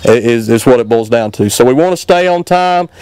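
A middle-aged man talks through a handheld mic at an outdoor farm field day. His voice is smooth and clear, and the sound stays dry and close. He keeps it relaxed and plainspoken, with plenty of fillers and restarts. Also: mid-range voice, moderate pace, no echo. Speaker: extension cotton agronomist. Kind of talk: field day talk to farmers. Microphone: handheld microphone.

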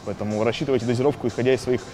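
Young guy in his 20s talking fast to viewers at the gym, faint music behind. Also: medium pitch, steady tone. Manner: chatty, addresses viewers directly. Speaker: bodybuilder guest. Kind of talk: casual talk to viewers. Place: indoor gym.

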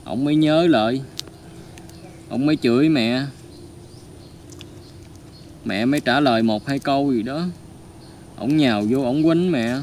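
A man with a Southern Vietnamese accent recounts a story in an earnest, colloquial way, his voice sitting at an ordinary middle pitch. He is recorded outdoors in the countryside, with faint rural ambience and animal sounds in the background. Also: measured pace, long pauses, darkish tone, a little hiss or hum. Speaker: storyteller recounting a family tragedy. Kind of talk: casual spoken storytelling.

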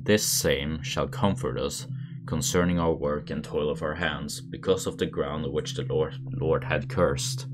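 A man reading scripture aloud in a monotone manner. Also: rumbling low, noisy background. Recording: background music under the voice. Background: music.

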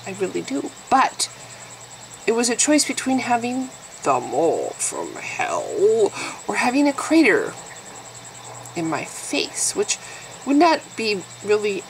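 A woman's voice: fairly high pitch, huge pitch swings, slow, slight background noise, low-quality recording. A woman in her fifties with a nasal voice, vlogging to camera in a blunt, sarcastic way. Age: 50s. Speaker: YouTube vlogger. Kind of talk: candid talking-to-camera vlog.

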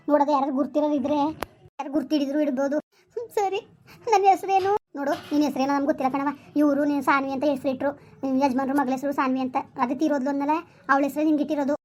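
Woman putting on a chatty village maid, drawl, high voice, quick. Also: fairly even intonation, darkish tone, lightly acted. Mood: confiding. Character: middle-aged village housemaid, gossipy and cautious. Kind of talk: family drama skit.

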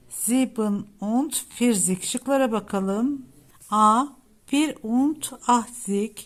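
A woman's voice: mid-range voice, a little mellow. A woman teacher, going through exam questions one by one, reading each option aloud and then giving its meaning. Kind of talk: exam prep lesson walking through test questions.

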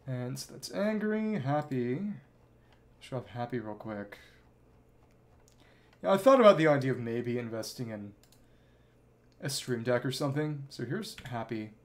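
This livestreamer, appearing as a virtual avatar, comments casually on a game in an animated but unhurried mid-range voice, with long pauses. He thinks aloud in short fragments and reads snippets of dialogue.

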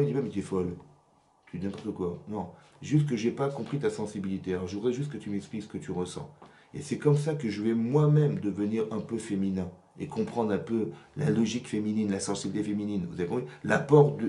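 Fast-talking gravelly rabbi teaching. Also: male voice, fairly low pitch, echoey room. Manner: animated, asks "vous avez compris?" often. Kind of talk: religious lesson to women. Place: rented workshop room.

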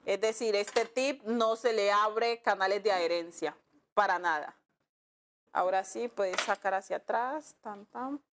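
Speaking in a mid-range voice at an unhurried pace, with a little hiss or hum in the audio, a woman teaches nail art live. She chats casually with her audience, responding to their comments and calling them "mi amor" and "amiga."

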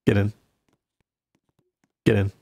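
A man streaming a horror game live, reacting excitedly and laughing often. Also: takes it slowly. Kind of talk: live gaming commentary.

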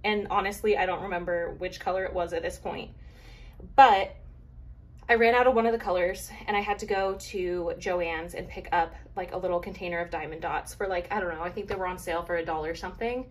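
A woman's voice: fairly low pitch, steady tone, a little fast. A woman from Arizona chatting casually to camera about a craft kit, rambling with many fillers and a little out of breath. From Arizona, USA. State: slightly out of breath. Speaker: craft vlogger reviewing a kit.

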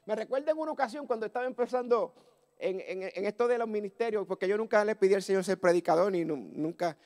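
High-voiced preacher man. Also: quick pace. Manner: fervent storytelling preacher, building to loud exclamations. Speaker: pastor. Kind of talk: Pentecostal sermon. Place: church service.

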